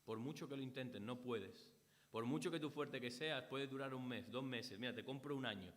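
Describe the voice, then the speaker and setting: A man's voice: medium pitch, moderate pace, fairly bright tone. A man from Spain, with a Spanish accent, preaching a sermon in earnest tones, repeating phrases and quoting scripture. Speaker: pastor. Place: church hall. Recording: long church hall reverb.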